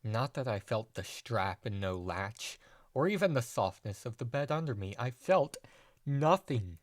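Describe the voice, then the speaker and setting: A man narrating a dark first-person audio story in a measured, deadpan way. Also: on the low side, no echo, studio quality.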